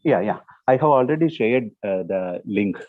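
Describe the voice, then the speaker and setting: A man, answering questions as a guest lecturer in a hesitant, halting explanatory way. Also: on the low side, expressive, no echo. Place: online conference call, dry sound. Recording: thin, phone-like online call audio.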